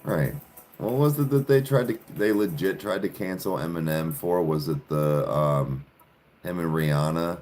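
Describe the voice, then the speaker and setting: A man's voice: deep voice, normal speed, a little mellow, faint music behind. A man hosting a podcast, ranting sarcastically in casual chat with plenty of profanity. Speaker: podcast host. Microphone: studio podcast mic.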